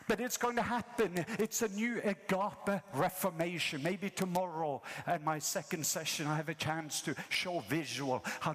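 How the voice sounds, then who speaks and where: A man from Norway preaches an impassioned sermon in a fairly high voice, pressing his points with repetition and rising emphasis. His words ring out with a long reverb trailing through a large hall. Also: a bit bright.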